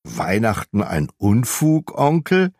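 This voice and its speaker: A man voicing a cheerful, warm-hearted young man speaking with bright, friendly pleading. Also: fairly low pitch, huge pitch swings, slow, no echo, clean studio sound, heavily acted.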